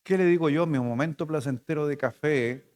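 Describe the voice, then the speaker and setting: A man's voice: on the high side, normal speed, darkish tone, long reverb tail. A male pastor with a Chilean Spanish accent preaching a sermon in a playful, conversational way, telling stories to his congregation. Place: church hall.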